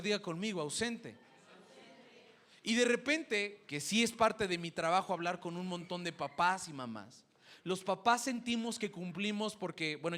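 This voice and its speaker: A man who is both preacher and schoolteacher delivers a sermon in a high-pitched, slightly bright voice. He tells a story from the classroom and acts out the parents he quotes.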